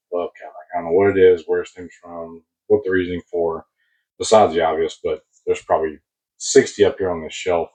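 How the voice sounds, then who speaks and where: An American man rambling casually as he hosts a hobby unboxing video, husky, on a close mic that sounds boomy and muffled, like inside a submarine. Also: warm tone. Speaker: host of a diecast car collecting channel. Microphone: new mic placed very close.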